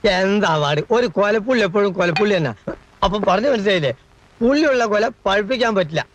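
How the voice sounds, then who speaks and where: A fussy alarmist busybody. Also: male voice, high-pitched, expressive, a little fast, slight background noise. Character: meddling gossipy middle-aged man, anxious busybody. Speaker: servant-like relative in a comedy film.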